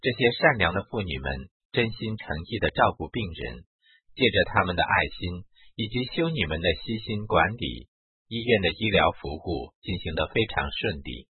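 A man narrating a spiritual autobiography in a slow, reverent, measured reading style. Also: sits low, sing-song, husky, no echo. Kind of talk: solemn devotional reading. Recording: dry, phone-like narrow band.

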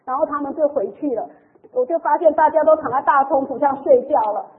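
A woman tells her personal faith testimony in an emotional, storytelling way, often ending phrases with soft particles. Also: high-pitched, quick pace. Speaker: church member giving testimony. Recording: tinny phone-like radio sound.

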